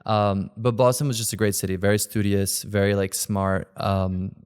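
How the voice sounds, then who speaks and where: A Belgian man in his twenties speaks casually as an interview guest and content creator, rambling and leaning heavily on "like" as a filler. His voice sits on the low side with a level tone, moderate pace, and a smooth, slightly mellow quality.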